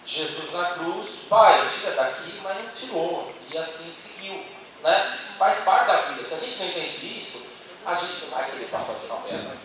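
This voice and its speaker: His high-pitched, fairly bright voice is animated and paced normally. The man, who has a Brazilian Portuguese accent, speaks on a church panel to an audience in a meeting hall, in a conversational style full of tag questions. He is recorded from a distance, off his handheld microphone, in an echoey, noisy hall.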